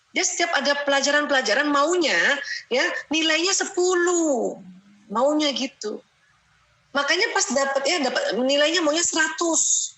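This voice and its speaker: A middle-aged woman giving a lively talk on parenting, sharing family stories, laughing often and tagging her sentences with "ya". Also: high-pitched, rough recording. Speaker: parenting speaker. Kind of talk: lively lecture with family anecdotes.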